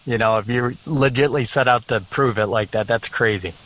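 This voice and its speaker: A male podcast host chatting casually with a guest, giving short, encouraging replies. His voice has a middling pitch and a muffled, lo-fi quality. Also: brisk. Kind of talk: casual interview chat.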